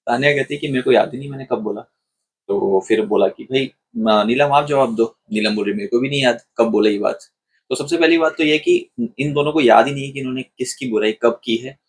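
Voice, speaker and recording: A husky-voiced man at a middle pitch, casually reviewing a television episode. He retells the events in an animated way and acts out the quoted lines as he goes. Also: fairly quick. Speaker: online show reviewer. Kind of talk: casual commentary.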